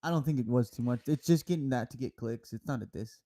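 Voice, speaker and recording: A man's voice: medium pitch, fast talker, dark tone. A man co-hosting a casual podcast chat, laughing often, swearing freely and playing with words. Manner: laughs often, profane, playful wordplay. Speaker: podcast co-host.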